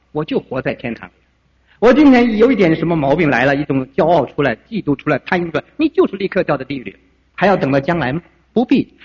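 A man's voice: on the high side, darkish tone. An older man preaching a sermon, telling stories, repeating phrases and chuckling often. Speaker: pastor. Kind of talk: sermon with storytelling. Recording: dull recording with long hall reverb.

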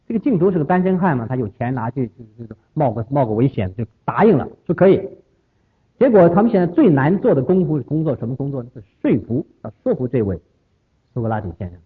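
Man, storytelling lecture, very husky voice, thin phone-like sound. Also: medium pitch, sing-song, fast talker. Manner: repetitive, emphatic retelling.

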